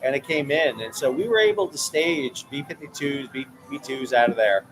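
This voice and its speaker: This low-quality recording, with faint music behind it and the ambient noise of a bar, features a New York man who is a military analyst and channel host. He speaks casually and with strong opinions in an expressive, mid-range voice at normal speed, often repeating words as he thinks.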